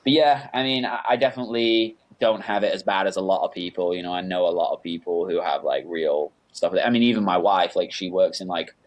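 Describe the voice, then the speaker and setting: Talking fairly quickly with few pauses, this British music producer is a deep-voiced, relaxed young guest in a casual interview chat. He rambles easily, filling his speech with fillers and correcting himself as he goes.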